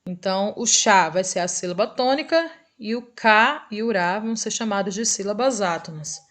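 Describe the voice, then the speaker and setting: A woman teacher with a Brazilian Portuguese accent gives a recorded review lesson in a mid-range, expressive, slightly bright voice. She is patient, checks in often with short tag questions, and draws out example words slowly.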